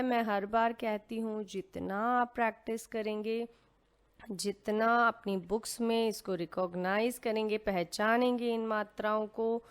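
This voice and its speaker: Woman, children's reading teacher, slow and patient, sounds out syllables, clear smooth voice, fairly high. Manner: patient, asks questions and answers them herself; sounds out syllables slowly, mixing in English words. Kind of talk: children's Hindi reading lesson.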